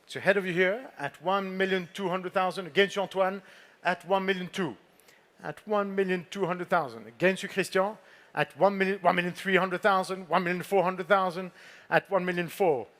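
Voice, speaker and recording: A man's voice: high-pitched, moderate pace, a bit bright. A man working as a fine art auctioneer, calling and repeating bids in a poised, formal manner with polite prompts to bidders. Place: auction saleroom with bidders present.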